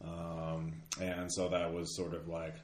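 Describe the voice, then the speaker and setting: A man running a tabletop game as game master, narrating casually in a halting, hesitant way. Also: sits low, monotone. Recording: echoey room, noisy, clicks.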